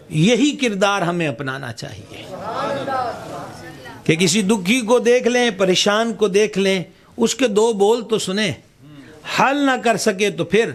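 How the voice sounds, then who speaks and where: A man preaches with fervor, switching into the voices of the people in his story. His voice sits high. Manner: impassioned, acts out voices in the story. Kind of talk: sermon.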